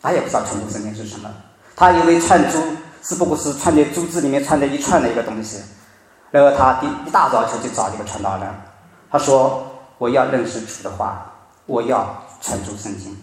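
A man preaching a sermon, telling a story with emphatic rises and soft drops in his voice. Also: medium pitch, fairly quick. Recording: very echoey room.

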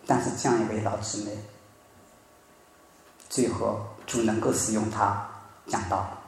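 A man preaching a sermon, telling a story with emphatic rises and soft drops in his voice. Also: fairly low pitch, steady tone, measured pace, slight background noise. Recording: very echoey room.

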